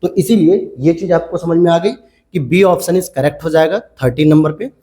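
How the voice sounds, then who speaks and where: Male exam-prep teacher, slightly high voice, steady explanatory delivery, quizzes viewers on key answers. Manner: repeats key answers as quick questions to viewers; addresses viewers as friends. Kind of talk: explaining answers to a test series.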